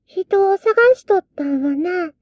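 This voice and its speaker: A coy little succubus girl with bat wings, coaxing in a soft Mie dialect. Her voice is extremely high and her delivery slow and drawn out. The recording is dry and slightly dull. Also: no echo. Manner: sweet, teasing, drawn-out coaxing speech. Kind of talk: tabletop role-play scenario voicing.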